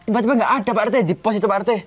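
A man's voice: sits high, steady tone, racing, slightly rough. A man acting in a comedy sketch, talking casually and teasing. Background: background music.

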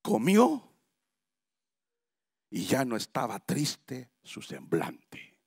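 A male pastor preaching a sermon at a family retreat, emphatic, swinging between loud cries and hushed asides. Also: medium pitch, huge pitch swings, drawn-out words, vocal fry, slightly rough, dry recording, studio quality. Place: church family retreat hall.

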